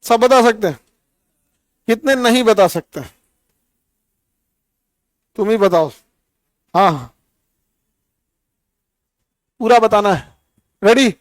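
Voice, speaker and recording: A middle-aged man teaches a classroom physics lesson in a very high voice. He quizzes his students one by one and teases them. The sound is dry and close, with almost no room echo. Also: takes it slowly, pauses often. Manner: teasing, quizzes students by name.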